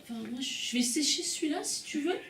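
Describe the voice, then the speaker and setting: A woman's voice: sits high, brisk, close to an everyday voice. A woman improvising a falsely sweet, manipulative female castaway who coaxes and giggles in a theatre scene. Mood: coaxing. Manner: playful, giggly, coaxing. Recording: echoey room from far off, with background noise.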